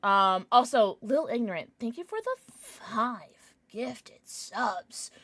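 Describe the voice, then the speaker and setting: Woman streamer, higher-pitched and very lively, giggly, playful, excitable casual chat with viewers. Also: takes it slowly, no room sound. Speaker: live streamer, host.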